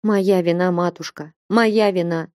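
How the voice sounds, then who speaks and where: A woman reading aloud and voicing a timid elderly nun who pleads in a hushed, meek voice. Dry, close sound. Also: on the low side, fairly even intonation, a little slow, no room sound, natural voice. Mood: pleading.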